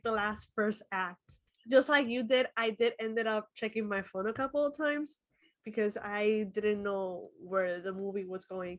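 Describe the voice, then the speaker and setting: A woman co-hosting a casual film review podcast, laughing often and thinking aloud with fillers. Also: a little high. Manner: laughs often, talks through thoughts with fillers.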